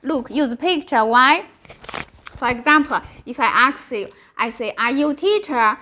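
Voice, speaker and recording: A woman with a high, bright voice and a Chinese accent teaches beginners slowly. A native Mandarin speaker, she explains in short, simple English phrases and often stops to check understanding. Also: expressive, slight background noise. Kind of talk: live beginner language lesson, explaining with examples.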